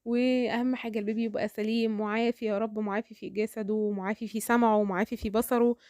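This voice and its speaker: A woman with an Egyptian accent chatting to her viewers as a home vlogger, talking fast with prayers and laughs. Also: a little high, little pitch movement, no echo, clean studio sound. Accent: Egyptian Arabic. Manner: rapid, warm-hearted chatter with prayers and frequent laughs.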